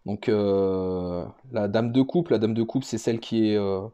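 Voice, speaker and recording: Guy showing his cards, chill hesitant talk, keeps restarting, soft warm tone. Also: fairly low pitch, unhurried, clear, resonant tone, highs cut off. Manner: hesitant, many fillers and restarts. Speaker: YouTuber presenting his card games. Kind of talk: casual show-and-tell talk.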